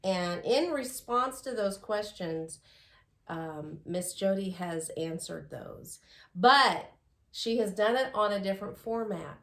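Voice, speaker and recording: A woman host introduces her guest casually, talking slowly with easy fillers. Her voice carries the echo of a roomy space. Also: mid-range voice. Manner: relaxed, with fillers and laughs.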